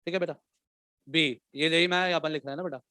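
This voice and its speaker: A man lectures a chemistry class in a crisp, resonant voice. He pitches it high and keeps firing questions at the students. The sound is dry and close. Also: no echo. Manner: lively, calls out questions to students and dictates slowly. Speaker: chemistry teacher.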